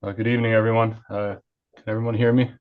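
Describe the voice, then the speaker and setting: A man presenting an engineering project over an online video call, hesitant and full of fillers. His voice sits on the low side and stays flat. The call audio is dull and lo-fi. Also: fast. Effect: heard over an online video call. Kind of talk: formal project presentation at a public hearing.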